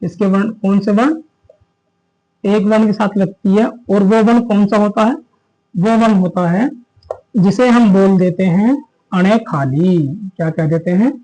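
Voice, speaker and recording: A male teacher giving an exam-prep grammar lesson, asking questions back to the students and slowing down to stress key terms. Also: sits high, fairly even intonation, mellow, low-quality recording.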